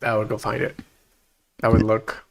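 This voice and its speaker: A man's voice: fairly low pitch, little pitch movement, normal speed, creaky. A man co-hosting a casual true-crime podcast, easygoing, telling the case plainly. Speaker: podcast co-host.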